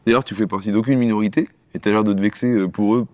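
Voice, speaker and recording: A man acting out a bickering comedy sketch dialogue, trading quick lines between two characters. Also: on the low side, steady tone, darkish tone, no echo.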